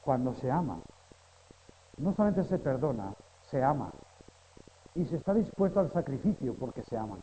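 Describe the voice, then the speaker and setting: A man preaching a sermon, dropping to hushed pleading and then rising to loud, emphatic outbursts. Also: medium pitch, sing-song, normal speed, long pauses. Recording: dull, muffled sound with long church reverb and faint hiss.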